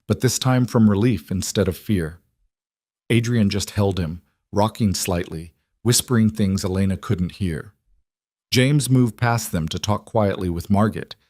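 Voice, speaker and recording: A man narrating a dramatic story in a measured storytelling style. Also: on the low side, darkish tone, no room sound, studio quality. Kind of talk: scripted narration.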